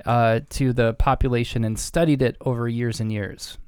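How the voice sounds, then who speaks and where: Smooth-voiced deadpan joking man. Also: medium pitch, moderate pace, no room sound, studio quality. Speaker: podcast co-host. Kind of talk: casual chat.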